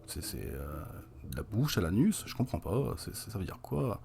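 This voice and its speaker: A man's voice: fairly low pitch, sing-song, moderate pace, gravelly, warm tone, exaggerated voice. A man quoting a distraught mother who confronts her son, in a pleading, bewildered manner.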